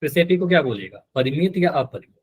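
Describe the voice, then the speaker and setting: A man's voice: on the high side, expressive, quick pace, slightly rough. A man teaching a live online math class, patient and repetitive, often quizzing his students. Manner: patient, repeats key terms and quizzes students.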